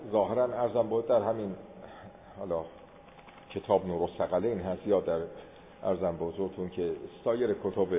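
A man preaching a sermon as he tells a story, swinging between quiet asides and loud exclamations. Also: mid-range voice. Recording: tinny phone-like sound with long hall reverb.

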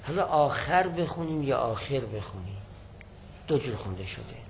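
A man's voice: medium pitch, lively intonation, slight background noise, rough recording. A man teaching a lesson, reading a classical text and explaining it line by line, repeating and rephrasing points. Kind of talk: lecturing on a classical Arabic text.

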